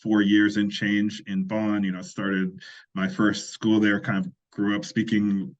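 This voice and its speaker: This muffled recording captures a lowish, fairly flat voice moving at an unhurried pace. It belongs to a man from Liberia in his forties who, as a podcast guest in a relaxed interview, tells his life story with reflective self-deprecation and frequent restarts.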